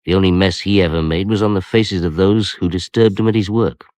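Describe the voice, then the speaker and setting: In a radio crime drama, a man narrates in first person and speaks dialogue as the lead detective, a wry, self-doubting cop who confides in the listener. His low, slightly mellow voice is brisk and fairly even, close to everyday speech, in a dry recording with a brooding, wry mood.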